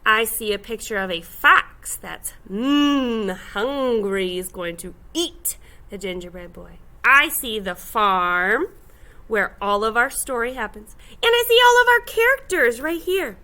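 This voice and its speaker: An elementary school teacher with a fairly high, bright, pushed voice speaks expressively and without hurry. She walks young children through a task step by step, keeping her wording simple, stressing key words and asking guiding questions.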